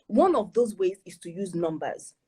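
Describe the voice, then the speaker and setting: A woman's voice: lowish voice, very animated, moderate pace, darkish tone, husky. A Nigerian woman giving admissions advice on an online show, emphatic and full of rhetorical questions. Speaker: guest speaker on admissions.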